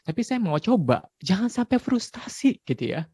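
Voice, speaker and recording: A man in his forties giving a parenting talk in a relaxed, conversational way, dropping frequent tag questions. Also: high-pitched, moderate pace, slightly rough, dry recording. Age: 40s. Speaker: parenting speaker.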